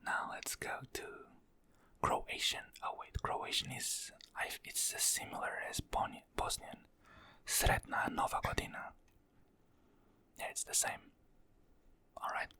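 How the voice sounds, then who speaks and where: An ASMR creator whispers softly, slowly repeating words and phrases while apologizing for their pronunciation.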